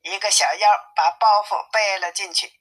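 A woman storyteller reading a classic tale aloud in a lively, expressive way. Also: mid-range voice, normal speed, rough recording.

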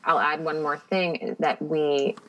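A woman's voice: low-pitched, fairly even intonation, takes it slowly, a bit bright, rough recording. A woman speaking as a podcast guest in casual conversation, reflective and candid, often acting out quotes.

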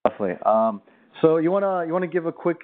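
A man's voice: on the high side, very animated, very fast. A man hosting a podcast, interviewing a caller in a friendly, loose, chatty way. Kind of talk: casual interview. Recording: tinny phone line.

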